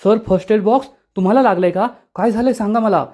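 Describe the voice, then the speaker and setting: A man's voice: on the high side, normal speed, a little mellow, lightly acted. A man voicing a cheerful, caring young woman who speaks eagerly and soothingly. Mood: worried.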